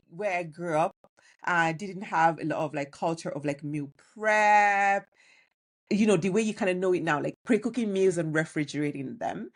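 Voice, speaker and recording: A middle-aged woman from Nigeria, a food blogger chatting casually as a podcast guest, with lots of "like" and "you know" fillers. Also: on the low side. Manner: conversational, many "like" and "you know" fillers, warm laughs. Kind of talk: casual interview chat.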